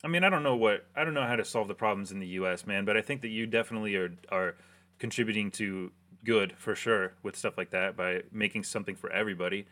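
Brief: young American host, slightly low, bright voice, easygoing rambling talk. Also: male voice, fast. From United States. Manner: relaxed, rambling, lots of fillers. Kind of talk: casual chat.

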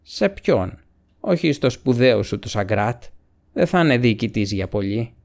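A man's voice: medium pitch, lively intonation, vocal fry. A man reading aloud and voicing a bitter, insolent male orc tracker who mocks and snarls. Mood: contemptuous. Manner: mocking, grumbling, flaring into shouts.

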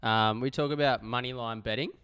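A man's voice: mid-range voice, steady tone, a little fast, fairly bright tone, smooth, no echo, clean studio sound. A man with an Australian accent co-hosting a podcast in casual, laid-back, matey chat. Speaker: podcast co-host.

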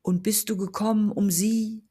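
A woman voicing an eerie, pleading ghost in a slow, breathy whisper. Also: mid-range voice, level tone, warm tone, pitched above the performer's own voice, natural voice.

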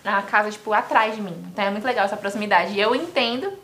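A woman's voice: medium pitch, rapid-fire, a bit bright, reverberant, a little hiss or hum. A Brazilian woman hosting a podcast, chatty and openly emotional as she talks with guests. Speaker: podcast host. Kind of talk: casual interview chat.

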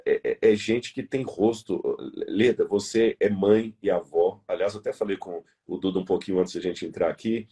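A Brazilian man with a Brazilian Portuguese accent appears as an interview guest, arguing his point earnestly and conversationally, with emphasis and repeated key words. His voice is low, mellow, and slightly rough, keeping a steady tone at a moderate pace.

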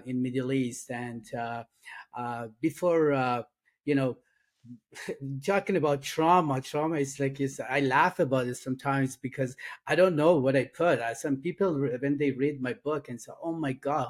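A middle-aged Iranian man, a Persian speaker with an Iranian accent, is a guest in a casual interview and works as an addiction and trauma coach. His mid-range voice comes out halting, earnest and soft, full of fillers and restarts as he answers questions.

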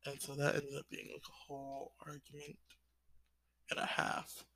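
Gravelly young man venting, rambling. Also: medium pitch, monotone, normal speed, sharp tone. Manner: rambling, full of "like" fillers, sighing. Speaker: vlogger. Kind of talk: confessional vlog talk.

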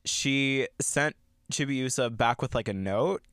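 A man's voice: mid-range voice, slow pace, a bit bright, smooth, no room sound, clean studio sound. A man co-hosting a podcast, recapping a show in a rambling casual chat full of fillers and laughs. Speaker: podcast co-host.

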